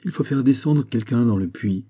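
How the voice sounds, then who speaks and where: A man reading aloud, giving an older woman nurse's lines in a calm, matter-of-fact way. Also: medium pitch, normal speed, voice pushed up, close to an everyday voice. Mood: practical.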